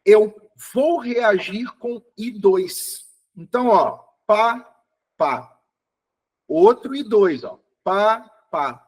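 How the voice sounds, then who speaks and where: His voice is high-pitched and a little mellow with a breathy edge, with lively intonation and drawn-out words, all on a rough recording. He leads an upbeat, encouraging live chemistry review online, calling students by name and checking their understanding often.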